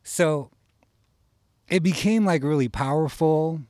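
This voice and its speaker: A man's voice: fairly high pitch, slow, darkish tone, no echo. Guy from iowa rambling thru a story, swears a lot, keeps saying you know, dry sound. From Iowa, USA. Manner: rambling, profane, tags lines with "you know?". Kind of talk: casual personal storytelling.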